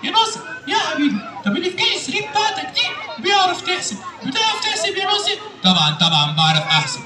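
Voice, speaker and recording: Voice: extremely high pitch, very fast. A party entertainer with an Egyptian accent, teasing and calling out to children during a puppet show. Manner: lively, teasing, calls out to the kids. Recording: echoey hall from far off, loud crowd.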